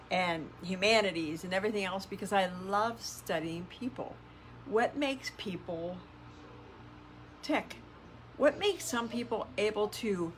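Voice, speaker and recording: A woman's voice: mid-range voice, a bit bright. Middle-aged self-help influencer woman, emphatic, noisy recording. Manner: conversational, emphatic, repeats phrases and asks rhetorical questions. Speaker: self-help podcast host and coach. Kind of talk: motivational self-help influencer talk to camera.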